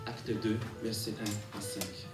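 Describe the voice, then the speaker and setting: A man with a fairly low, level voice preaches and reads from scripture, halting as he reads and repeating and rewording phrases with a rhythmic pulse and calls for amens. The mic sits at a distance in an echoey room, and music plays behind him.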